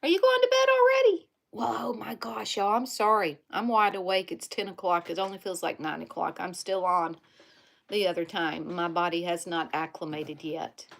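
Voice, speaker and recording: A woman's voice: on the low side, moderate pace, vocal fry, fairly bright tone. A woman hosting a casual livestream from home, reading viewer comments aloud in a chatty way. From Louisiana. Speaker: livestream host.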